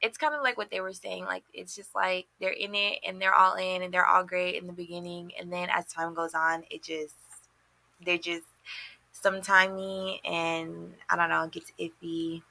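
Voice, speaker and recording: Gravelly young woman guest. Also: on the low side, little pitch movement, normal speed, bright, forceful tone, poor audio. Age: 20s. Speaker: podcast guest. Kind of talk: casual podcast talk.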